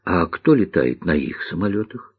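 A man with a husky voice voicing a calm, wry, knowing young girl in an audiobook story. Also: low voice, normal speed, exaggerated voice. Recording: dull lo-fi dry recording.

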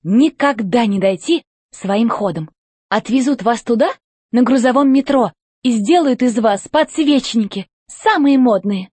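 A woman's voice: on the high side, expressive, a little slow, darkish tone, breathy edge, no room sound. A woman voicing a bold, defiant young girl who speaks firmly. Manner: firm, defiant.

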